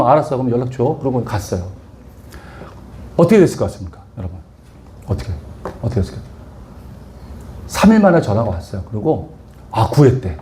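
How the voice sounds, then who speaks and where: A man's voice: mid-range voice, warm tone, slight background noise. A middle-aged male pastor preaching a sermon, telling a personal story and asking the audience questions.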